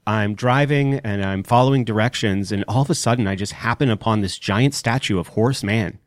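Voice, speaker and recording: A man's voice: on the low side, brisk, no echo, studio quality. A man hosting a casual podcast, with a congested nasal voice as if pinching his nose, talking in a wry, dryly joking way. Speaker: podcast host.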